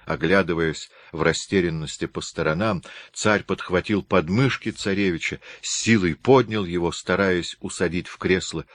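A man reading a historical novel aloud as an audiobook narrator, in measured, even storytelling. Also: low voice, no echo.

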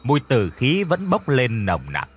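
Husky-voiced man narrating a horror story. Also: mid-range voice, huge pitch swings, unhurried, faint music behind. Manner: vivid, dramatic storytelling.

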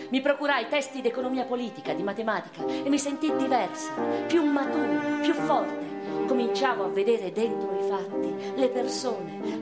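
For a radio drama, an actress performs a first-person monologue as an educated, passionate, wounded noblewoman of the eighteenth century looking back on her life. Her fairly high voice stays close to everyday speech, and her composed, reflective mood carries a measured, intense delivery that swings between hushed and impassioned. The room echoes, with faint music behind her.

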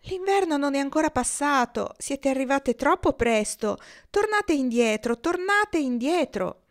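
A woman's voice: sits high, expressive, measured pace, pitched above the performer's own voice. Sulky farmyard geese who take offence, as a woman reads them. They scold in a huffy, raised voice. A storybook reading.

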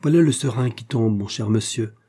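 A man's voice: mid-range voice, normal speed, warm tone, husky, natural voice. A man voicing a gossiping old peasant woman with rural dialect, rambling and fussing in an audiobook reading. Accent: rural French peasant dialect. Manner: rambling, fussing, rustic grammar.

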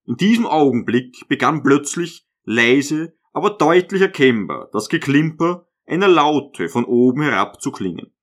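A man narrating a literary audiobook in a measured, even manner. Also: a little high.

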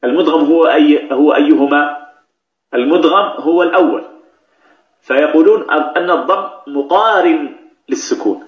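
A man's voice: a little high, moderate pace. A man teaching Quran recitation rules, explaining patiently and repeating key phrases. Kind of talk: tajweed lesson with recited examples. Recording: echoey, dull lo-fi recording.

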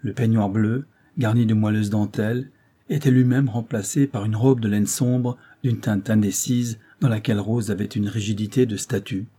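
A male narrator reading a classic novel aloud in an even, unhurried manner. His voice sits low, with a warm, mellow and slightly husky tone. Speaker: audiobook narrator. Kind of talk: scripted literary narration.

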